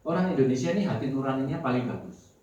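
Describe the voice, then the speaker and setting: A man giving an animated motivational sales talk, quizzing the audience and acting out quoted talk. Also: medium pitch, racing, lo-fi sound. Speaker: insurance sales trainer. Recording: echoey hall, voice from far off.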